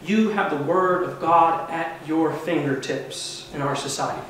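A man's voice: a little high, a little slow, a bit bright, recorded from a distance, slight background noise. A man in his thirties, a pastor preaching an earnest, emphatic sermon from a pulpit in a church sanctuary. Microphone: far camera mic, no visible microphone. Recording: very echoey church heard from afar.

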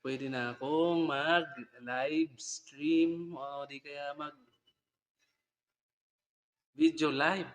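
A man's voice: on the high side, steady tone, drawn-out words, pauses often. A man vlogging casually and chattily, trying out a new condenser mic and sound card. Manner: chatty, giggly, trying out gear. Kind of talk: casual vlog chat. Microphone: condenser microphone.

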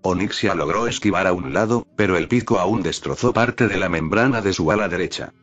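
Brief: a low-voiced male narrator reading fan fiction steadily over faint background music. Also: brisk, fairly bright tone. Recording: dull lo-fi audio with faint music.

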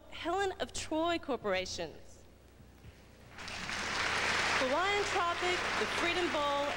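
A woman's voice: high-pitched, a bit bright. A woman in her twenties reading scripted announcements from a stage as a pageant titleholder. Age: 20s. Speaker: pageant titleholder presenting guests. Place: large pageant theater stage. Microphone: handheld or stand microphone. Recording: echoey hall PA, noisy audience, old tape.

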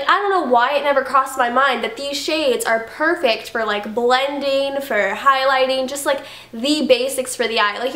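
Congested from a cold, a young adult beauty vlogger chats in her bedroom about her favorite products, gushing and saying "like" constantly. Her voice runs high and a bit bright, and the recording has a roomy sound.

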